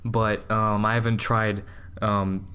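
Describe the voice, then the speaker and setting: A young man hosting a podcast in casual chat, rambling with laughs and halting starts. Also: fairly low pitch, little pitch movement, a bit bright, clear, resonant tone. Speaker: podcast host.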